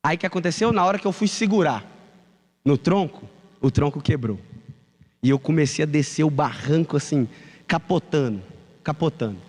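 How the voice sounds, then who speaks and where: A male pastor tells a story from the pulpit, calling out to the congregation. His voice sits high for a man, and it rings with long reverb through the church hall. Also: moderate pace, pauses often. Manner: animated storytelling, addresses the congregation. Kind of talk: sermon.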